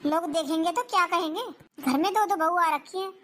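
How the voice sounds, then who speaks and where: A high-voiced performer doing a grumbling mother-in-law. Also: fairly quick, sharp tone. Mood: complaining. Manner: complaining, self-pitying scolding. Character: nagging older mother-in-law with aching knees. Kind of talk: family comedy skit.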